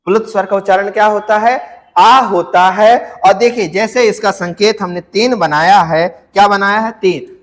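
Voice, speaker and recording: A man's voice: high voice, long reverb tail. A male teacher giving an exam-prep lecture, who poses questions, answers them himself, and stretches words out to demonstrate.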